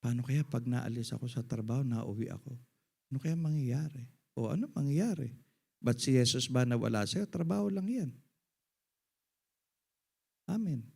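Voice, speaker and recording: A middle-aged man preaching as a pastor, mixing English phrases into his sermon and calling for "Amen" from the congregation. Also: gravelly. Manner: swings between quiet, low asides and loud, high-pitched emphasis. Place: church service.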